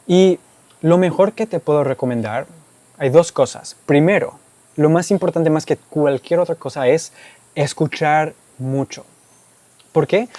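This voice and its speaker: Warm-voiced man explaining in learned Spanish. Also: on the high side, no echo. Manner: explanatory, tags statements with "¿ok?" and "¿verdad?"; speaks Spanish as a learned second language. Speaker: YouTuber answering viewer questions. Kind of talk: casual Q&A monologue.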